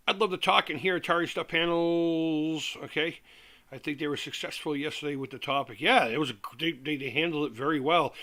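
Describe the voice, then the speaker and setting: A man chatting casually as a livestream host, candid and rambling, repeating himself, with the soft lisped diction of missing top teeth. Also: a little high.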